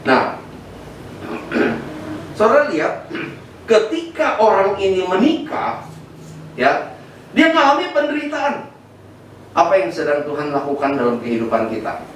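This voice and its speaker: A male pastor giving an animated sermon, swinging his pitch up and down and often restarting words. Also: measured pace, pauses often, far from the mic, a little hiss or hum. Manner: animated preaching, sweeping pitch, frequent fillers and restarts. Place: church sanctuary. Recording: echoey church hall from afar with faint ambience.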